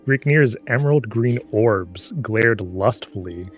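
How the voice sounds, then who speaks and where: A man with a fairly low voice reads a book aloud on a live stream, breaking off often for dry, profane jokes. His reading is halting and wry, with quiet music playing faintly behind him. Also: lively intonation. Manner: sarcastic, swears, stumbles and reads haltingly. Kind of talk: comic read-aloud with running commentary.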